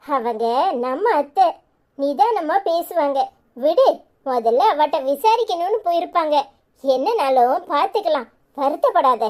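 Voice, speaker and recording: A woman voicing a calm, reassuring young woman in a cartoon, with a Tirunelveli Tamil accent and a soothing manner. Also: sits high, a little slow.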